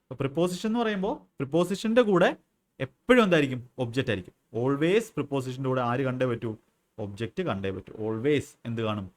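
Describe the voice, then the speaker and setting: A man's voice: mid-range voice, animated, fast. Malayali man teaching grammar by quizzing himself. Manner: asks and answers his own questions, repeats key words. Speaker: English teacher. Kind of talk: exam-prep grammar lesson.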